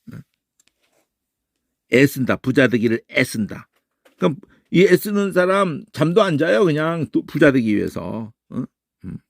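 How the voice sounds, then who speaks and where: A male Bible teacher lectures with a gravelly edge to his voice. He talks in an animated way and keeps checking in with quick "eh?" tags. The recording is dry and close, with no room sound. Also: mid-range voice, dry recording. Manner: animated, peppers talk with questioning "eh?" tags.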